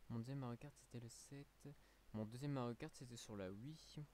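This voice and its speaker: A man's voice: mid-range voice, normal speed, dark tone, a little hiss or hum. A man with a French accent, a streamer chatting casually on a live stream, rambling with many fillers, a little tired.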